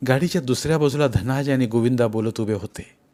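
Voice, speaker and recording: Guy reading a story out loud, middle pitch, calm and measured. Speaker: audiobook narrator. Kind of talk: storybook narration.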